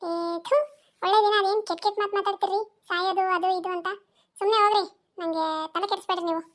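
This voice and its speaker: A shrill, very high cartoon mother, sharp-tongued and always scolding, voiced by a woman. She fires off her complaints at a brisk clip, nagging without pause. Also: fairly even intonation. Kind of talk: cartoon voice acting.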